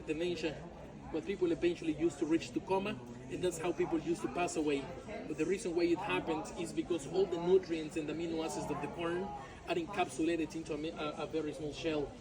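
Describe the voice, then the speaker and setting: In poor-quality audio, a tour guide with a fairly high voice leads his group through outdoor ruins as tourists gather behind. A Yucatec Maya native speaking Mexican Spanish-accented English, he's talkative and playful, laughs at his own jokes, and often calls out "my friends" and "all right?"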